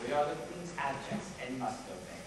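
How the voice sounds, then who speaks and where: Here the same kind of high school stage villain, a bitter and deformed scheming duke, comes across as falsely sincere, his natural medium-pitched voice swinging widely in pitch. The young actor delivers Shakespeare declamatorily with measured pauses, recorded from afar in a reverberant theatre with faint noise.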